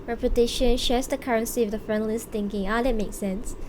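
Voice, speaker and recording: Talking a little fast in a slightly high, darkish voice with fairly even intonation, this game streamer keeps things playful and casual with her viewers. She drops gamer slang and occasional swears, thinks aloud a lot, and there's a little hiss or hum under the video game music.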